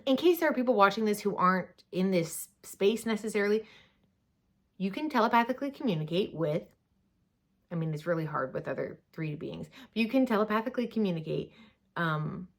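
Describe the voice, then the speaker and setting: A young woman with a slightly low voice tells a personal story, chatty and animated. She rambles through fillers and quick asides in a loose, casual vlog delivery. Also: gravelly. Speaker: vlogger telling a personal story.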